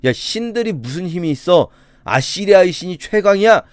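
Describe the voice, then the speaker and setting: A preacher acting out a brash male enemy general who taunts and sneers at his foes. The voice rides higher and louder than his own talk, with a harsh, jeering swing. The sound is close and dry, with no room around it. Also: lively intonation, moderate pace, dry recording. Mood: taunting. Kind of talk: sermon with acted quotes.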